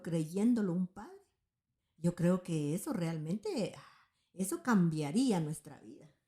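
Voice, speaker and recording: A woman's voice: mid-range voice, warm tone. Earnest woman preaching in an echoey room. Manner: earnest, keeps asking "right?" of her listeners. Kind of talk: sermon-like teaching. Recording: roomy echo.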